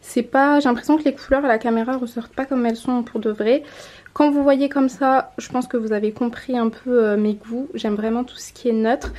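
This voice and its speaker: Her voice is on the high side, a little mellow and steady, delivered briskly. She's a mom vlogger in her twenties chatting through a haul vlog in a home room near a window, showing clothes to the camera and correcting herself as she goes.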